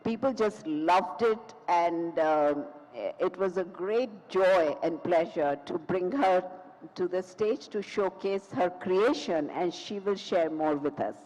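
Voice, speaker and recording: A woman's voice: lowish voice, takes it slowly, darkish tone. A woman from India moderating a conference panel, introducing speakers with expansive enthusiasm. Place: conference hall stage. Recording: long reverb of a large hall.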